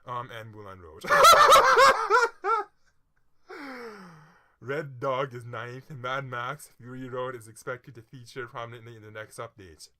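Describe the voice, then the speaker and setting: A man reading out a quiz and thinking aloud about his answers, chatty and self-mocking, with quick mutters and sudden excited outbursts. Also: mid-range voice, noisy background. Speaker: quiz vlogger.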